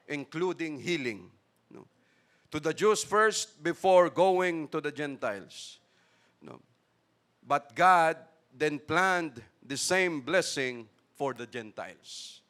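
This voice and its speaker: A man's voice: fairly high pitch, bright, forceful tone. A man pastor with a Filipino accent, preaching a sermon in mixed languages, checking in with "no?" and acting out the people in the story. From Philippines. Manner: Taglish preaching, frequent "no?" tags, acts out voices.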